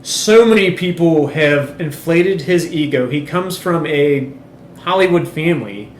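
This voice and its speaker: Speaking at a measured pace with lively intonation, this slightly high-voiced man from Chile co-hosts a podcast. He chats casually and rambles, dropping frequent ums and curse words, in an echoey room with faint noise.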